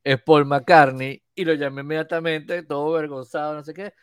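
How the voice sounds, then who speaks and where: A man, co-hosting a podcast and telling an anecdote in casual chat, lively and acting out the voices he quotes. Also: on the high side, normal speed, clear, resonant tone, no echo, clean studio sound. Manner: animated storyteller, acts out quoted voices.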